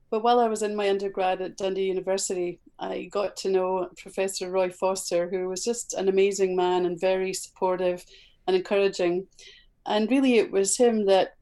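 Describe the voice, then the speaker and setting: Soft-spoken woman. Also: mid-range voice. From Scotland. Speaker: guest physician. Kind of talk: interview conversation. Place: on a phone or remote call.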